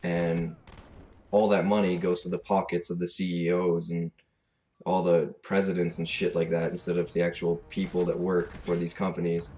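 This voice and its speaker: A man's voice: sits low, level tone, normal speed, mellow. A seventeen-year-old young man with a Canadian accent, giving a casual, off-the-cuff commentary rant in a blunt, fed-up, sweary manner. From Alberta, Canada. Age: 17, teenager. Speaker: gaming commentator. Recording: clearly noisy home recording.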